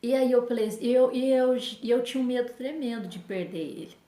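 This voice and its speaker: A woman with a Brazilian accent tells a personal story in a conversational vlog style, often adding tag questions. Her voice sits fairly high. The room around her is echoey. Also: fairly quick, warm tone. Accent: Brazilian Portuguese.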